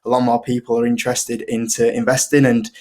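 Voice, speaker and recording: A man with a Yorkshire accent talks in a casual, chatty way as an interview guest. His pitch is average and moves very little, giving an even, level delivery. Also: fairly quick. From Leeds, Yorkshire, UK. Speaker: investing video creator, guest.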